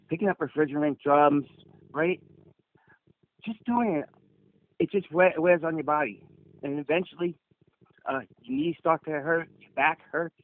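A man in his fifties, an HVAC technician, chatting easily as a podcast guest and telling stories. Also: fairly high pitch. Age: 50s. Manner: easygoing, rambling storyteller. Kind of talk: casual podcast chat. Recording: tinny phone-like line.

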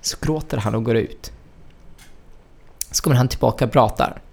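This guest in a storytelling interview is a young Syrian man whose gravelly voice sits at a medium pitch. A native Arabic speaker, he laughs a lot and talks animatedly in broken Swedish.

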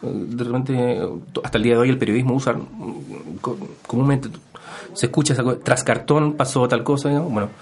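Chilean male historian guest, radio interview, unhurried explainer, lots of "eh" and "¿no?", mid-pitched voice. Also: darkish tone, breathy edge. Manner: explanatory, many fillers and hedging tags. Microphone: studio microphone.

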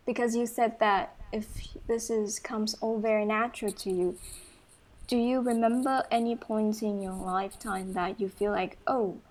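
A podcast host from Taiwan speaks with a Taiwanese accent in relaxed, conversational English. She talks hesitantly, often restarting her questions and leaning on fillers as she feels her way through them. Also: medium pitch, moderate pace. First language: Taiwanese Mandarin. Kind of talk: casual interview chat.

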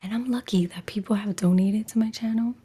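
A woman's voice: medium pitch, brisk, warm tone, slightly rough. A woman who makes ASMR videos, answering interview questions mostly in a whisper, with lots of "like" and "you know".

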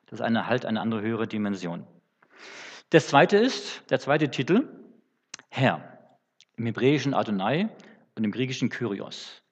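Husky-voiced man preaching in a reverberant church. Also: medium pitch, big pitch swings. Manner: unscripted, halting with fillers and restarts. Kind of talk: teaching sermon. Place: church hall. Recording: dull sound with long church reverb.

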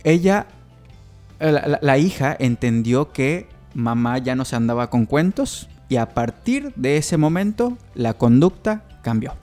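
A man's voice: medium pitch, expressive, unhurried, warm tone, faint music behind. A man with a Mexican accent, a therapist guest in a casual podcast chat, telling stories and acting out quoted voices. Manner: storytelling, acts out quoted voices, frequent restarts.

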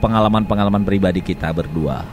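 A man's voice: deep voice, fast talker, slight background noise. A man from Indonesia co-hosting a podcast in casual chat, repeating phrases for emphasis. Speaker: podcast co-host.

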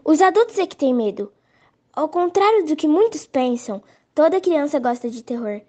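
High-voiced, mysterious kid announcer. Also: female voice, sing-song, normal speed, warm tone, dull audio. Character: confident, spooky-minded child club announcer. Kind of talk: children's horror audio drama.

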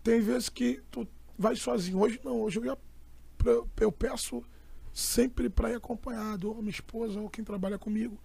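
Young Brazilian preacher, high gravelly voice, animated emphatic storyteller. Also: male voice, normal speed. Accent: Brazilian Portuguese. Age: young adult. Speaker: itinerant preacher and pastor. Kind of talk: casual storytelling chat.

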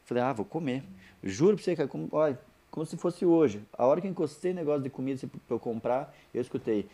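A Brazilian man rattles off a personal story at a brisk clip, his voice sitting at an ordinary middle pitch. He talks in a loose, chatty way, repeating words for emphasis and acting out quoted lines. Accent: Brazilian Portuguese. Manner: animated anecdote with repeated phrases and quoted asides. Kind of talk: casual storytelling.

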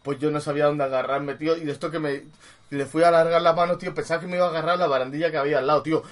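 Guy on a podcast, kinda high voice, tells stories, laughs a lot, just chatting w friends. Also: racing. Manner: animated storyteller, laughing often. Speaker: podcast co-host. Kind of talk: casual chat among friends.

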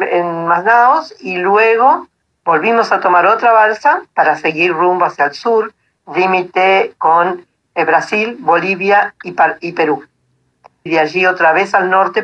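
An eighty-two-year-old Argentine woman, speaking with an Argentine Spanish accent, tells stories in an easygoing, anecdotal way as an interview guest. Her voice is fairly low, and the high frequencies are cut off.

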